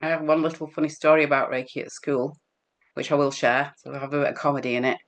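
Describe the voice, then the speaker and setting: A woman with an English accent, a healer guest in an interview, chatting and telling stories quickly, laughing as she goes. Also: sits low, fairly even intonation. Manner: quick-talking. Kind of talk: casual interview storytelling.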